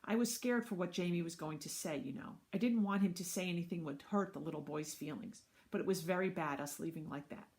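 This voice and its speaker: A stern babysitter who scolds and lectures the boys in her care, warm-hearted underneath the sharpness, as a woman reading aloud puts her on. Her voice stays fairly low and carries a preachy, moralizing weight. It is a storybook read-aloud. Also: a little fast, hardly any pauses, lightly acted. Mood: scolding.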